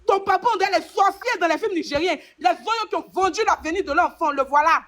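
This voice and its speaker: A woman's voice: very high-pitched, fast talker, fairly bright tone. A woman with an Ivorian French accent trading rhythmic, repetitive insults on a live stream panel.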